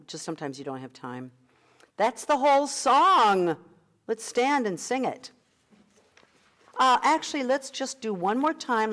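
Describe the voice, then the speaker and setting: A woman's voice: on the low side, a bit bright. A woman with a Midwestern accent coaching a choir in rehearsal, breaking into sung lines to demonstrate. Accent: Midwestern American. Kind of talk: rehearsal instruction.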